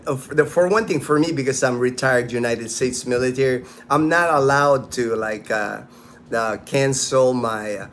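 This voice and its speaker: A medium-pitched, somewhat bright voice belongs to a livestream host in his fifties, chatting outside in the sun. He reads viewer comments and talks in a rambling, relaxed way with many restarts, and a little background noise can be heard.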